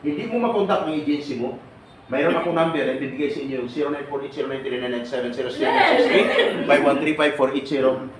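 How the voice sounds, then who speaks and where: A man's voice: medium pitch, fast, a loud crowd. Earnest man lecturing in an echoey hall. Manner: earnest, rhetorical, keeps asking "no?" and "tama?". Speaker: OFW assistance advocate. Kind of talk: seminar talk to an audience. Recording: echoey room with faint background noise.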